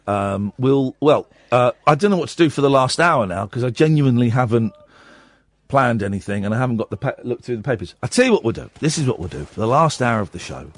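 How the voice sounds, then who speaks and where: Male radio host, losing his voice, rambling and jokey, pitch swinging widely on a studio mic. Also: animated, quick pace. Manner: rambling, jokey, self-deprecating. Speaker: late-night radio host. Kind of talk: casual phone-in chat.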